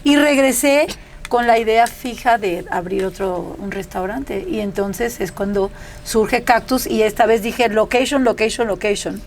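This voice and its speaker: A middle-aged Mexican woman, a chef and restaurant founder, appears as a guest in a casual interview and tells her story in a chatty, anecdotal way. Her voice is on the high side and unhurried, with slight background noise.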